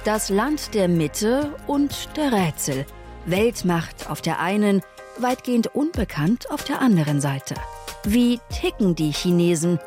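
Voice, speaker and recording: A woman's voice: mid-range voice, faint music behind. A woman announcing a podcast promo in scripted narration. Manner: slow, lively delivery.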